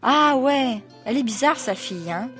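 A cheeky ten-year-old boy, played by a woman reader, chats with quick questions. His voice sits raised and light. It is a storybook reading with faint music behind. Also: high-pitched, animated, a bit bright.

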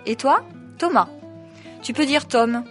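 A woman reading aloud and voicing a cheeky, unimpressed ten-year-old boy who fires off quick, chatty questions. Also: sits high, a bit bright, faint music behind, pitched above the performer's own voice.

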